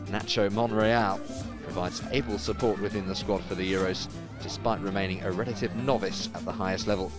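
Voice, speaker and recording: Low guy reading a sports feature, measured, guitar music behind. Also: steady tone. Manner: measured, informative. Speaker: narrator. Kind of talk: scripted sports narration.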